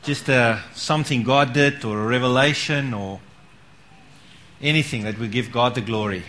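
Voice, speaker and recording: A man with a medium-pitched, fairly bright voice leads a church gathering at normal speed, inviting testimonies and encouraging people with repeated words of praise in casual meeting talk.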